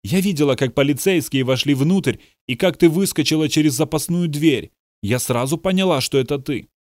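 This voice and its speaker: An anxious young woman journalist, voiced by a male narrator, pleading and urgent, her pitch lifted high. Read dry and close for an audiobook. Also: normal speed, darkish tone, dry recording, lightly acted. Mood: earnest. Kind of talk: audiobook dialogue reading.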